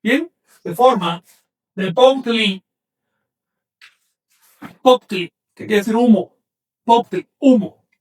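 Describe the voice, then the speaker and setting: A man teaching an online class, slowly sounding out words syllable by syllable and correcting common mistakes firmly. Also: high voice, distant mic. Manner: slow, emphatic spelling out of syllables; corrective, insistent.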